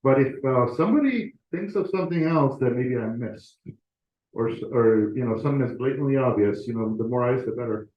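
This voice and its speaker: A guest author presents to a club in a meeting room, chatting informally and a bit self-deprecatingly to the live audience. He speaks fairly quickly in an animated, medium-pitched voice, recorded in an echoey room with slightly muffled sound.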